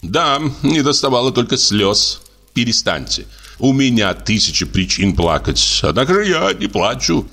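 A man's voice: medium pitch, sing-song, vocal fry, sharp tone, soft background music, voice pushed up, heavily acted. A man reading the lines of an irritable, tormented male painter, curt and weary. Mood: pleading. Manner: curt, exasperated, slow through gritted teeth.

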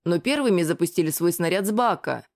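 A woman reading an audiobook in a measured, even storytelling manner. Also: on the low side. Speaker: audiobook narrator. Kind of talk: scripted narration.

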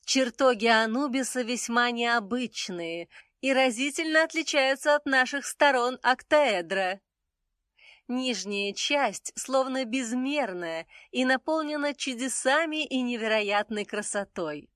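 A sleek, half-feline goddess of beauty speaks in a high, airy voice, put on by a male reader, unhurried and mysterious. Her tone stays cool and appraising, as if she knows more than she tells. The recording is dry and close. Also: bright, forceful tone, no room sound, heavily acted. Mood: dreamy. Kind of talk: audiobook character voice.

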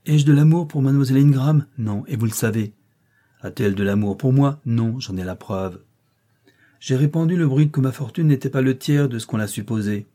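A man reading the part of a brooding, passionate middle-aged gentleman in an audiobook, urgent and pleading. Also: mid-range voice, pitched above the performer's own voice, natural voice.

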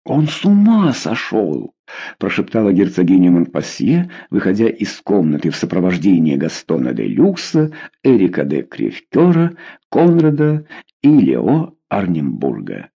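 A man narrating a historical novel in an expressive, measured audiobook reading. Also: low-pitched, vocal fry, husky.

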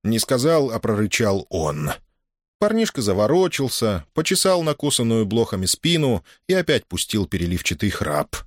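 A man narrating a novel aloud in an expressive, storytelling manner. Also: lowish voice, moderate pace, no echo, clean studio sound. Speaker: audiobook reader. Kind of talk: scripted narration.

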